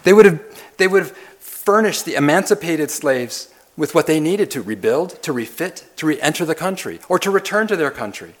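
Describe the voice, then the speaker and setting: A male pastor preaching an expository sermon, repeating phrases and asking rhetorical questions, swinging from soft low asides to loud emphatic lines. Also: expressive, moderate pace.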